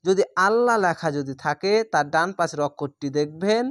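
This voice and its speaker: A man's voice: on the high side, animated, a little fast, fairly bright tone, no room sound, clean studio sound. A man teaching Quran reading, spelling out each letter and vowel mark one syllable at a time before reading the whole word.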